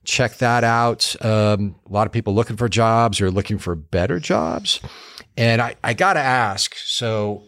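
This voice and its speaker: A man's voice: lowish voice, measured pace, fairly bright tone, no room sound, studio quality. A middle-aged man hosting a casual local news chat show, upbeat and jokey, with frequent ums. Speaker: show host.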